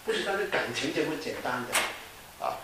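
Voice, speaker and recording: Delivered at normal speed with lively intonation and a fairly high pitch, this middle-aged man's sermon is conversational, full of fillers and tag questions that check in with his audience. Faint hiss and room echo mark the recording.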